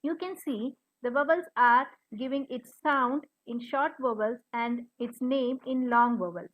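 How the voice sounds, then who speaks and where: A woman's voice: sits high, unhurried. A woman teacher explaining short and long vowels, sounding out letters one by one. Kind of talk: phonics lesson. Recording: slightly dull, lo-fi recording.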